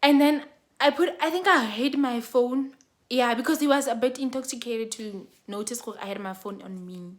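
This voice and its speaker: Animated young South African woman. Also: fairly high pitch, moderate pace. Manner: animated, dramatic retelling, voice swinging between loud bursts and hushed asides; talks straight to her viewers, often calling them "guys". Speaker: YouTuber telling a story. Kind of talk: casual storytime.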